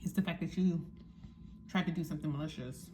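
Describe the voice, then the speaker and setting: Low-voiced woman chatting while eating. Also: fairly even intonation, background noise. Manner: frank, drawn-out musing. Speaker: vlogger. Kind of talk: casual chat to camera.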